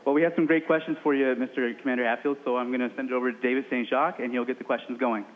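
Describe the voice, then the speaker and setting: A man's voice: mid-range voice, steady tone, very fast. A male teacher calling over a radio link, using formal call-and-answer radio procedure. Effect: radio link audio. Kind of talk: live radio call with a space station. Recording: tinny phone-line radio with long reverb.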